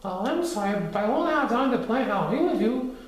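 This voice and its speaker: A man voicing Piglet, a small, timid, fretful young piglet who talks in an anxious, hurried manner. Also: very high-pitched, lively intonation, voice pushed up. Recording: strongly echoey room.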